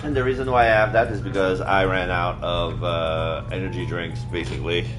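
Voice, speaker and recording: Over background music, a man with a low, steady voice moves at a brisk clip. He's a let's-play streamer, joking around casually as he plays a video game and reads out the text on screen.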